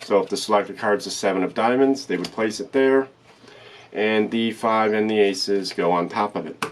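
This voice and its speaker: A man's voice: lowish voice, moderate pace, slight background noise. A man giving card magician patter, explaining a trick step by step in a plain, instructional way and repeating the steps. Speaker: card trick tutorial presenter.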